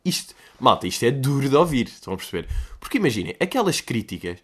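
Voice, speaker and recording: A man's voice: mid-range voice, big pitch swings, quick pace, fairly bright tone, slightly rough. A man with a European Portuguese accent hosting a podcast, casually answering listener questions in a slangy, rambling, jokey way. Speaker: podcast host.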